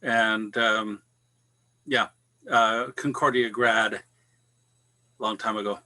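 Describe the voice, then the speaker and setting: A man introduces himself on a video call, slow and full of fillers. His voice is strikingly bright and forceful. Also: fairly low pitch, fairly even intonation. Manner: hesitant, halting, many fillers. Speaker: participant.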